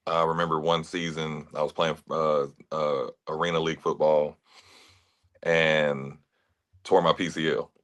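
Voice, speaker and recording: Unhurried and level, a deep-voiced man from Atlanta, Georgia, shares stories casually as a guest on an interview. The actor and fitness trainer has a fairly bright tone, a laid-back manner, and a habit of saying "you know what I'm saying."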